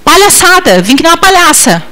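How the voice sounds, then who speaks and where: A woman missionary preaching a testimony sermon, emotional, with dramatic swings in pitch and loudness, acting out her own past replies. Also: big pitch swings, a little fast, poor audio.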